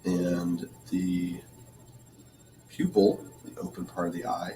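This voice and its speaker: A man giving a drawing tutorial, talking through each step in a relaxed way, clearing his throat now and then as he loses his voice. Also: sits low, slow pace, far from the mic, a little hiss or hum. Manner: relaxed, thinking aloud while drawing, frequent throat clearing. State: losing his voice. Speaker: art teacher.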